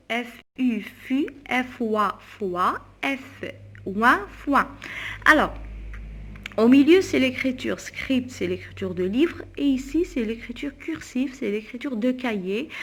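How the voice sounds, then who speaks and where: A woman primary school teacher giving a phonics lesson for young children, slowly spelling out letters and syllables and repeating them. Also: fairly high pitch.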